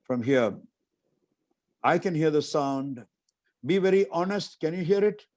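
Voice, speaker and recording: A man's voice: a little high, lively intonation, measured pace, a little mellow. Commanding Indian man guiding exercises. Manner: commanding, coaxing, repeats short instructions. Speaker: martial arts master guiding an interview demonstration. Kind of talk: instructing over a video call.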